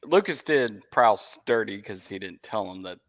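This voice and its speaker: A man joining a podcast as a guest, talking in an animated way and laughing often. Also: fairly low pitch, moderate pace. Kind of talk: casual podcast chat.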